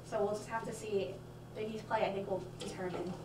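A young woman co-hosts a student postgame basketball recap as a sports analyst, her mid-range voice steady and a little fast as she chats and reels off stats with fillers. She uses a handheld mic in a small studio with a stadium backdrop; the room echoes, the mic is far, and crowd noise sits behind.

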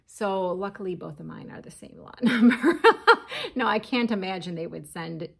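Chatty woman with a gravelly edge. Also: lowish voice, moderate pace. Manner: chatty, laughs often, reads labels aloud. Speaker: crochet vlogger. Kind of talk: casual yarn haul chat. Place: home kitchen, indoors.

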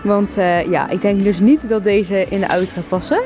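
A woman's voice: mid-range voice, moderate pace. Chatty young woman vlogging, music behind. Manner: chatty, informal, addressing viewers. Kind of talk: casual vlog chat.

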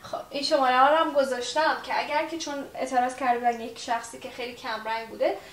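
A woman teaching a casual language lesson in a chatty way, with many fillers, who repeats her example phrases slowly. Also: sits high, steady tone. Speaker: English teacher. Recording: roomy echo, distant mic, faint hiss.

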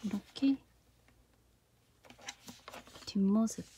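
A woman's voice: mid-range voice, drawn-out words, slight background noise. A young woman reviewing a toy container in a casual unboxing vlog, often gasping and exclaiming in delight as she handles it. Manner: excited gasps and exclamations while handling the product.

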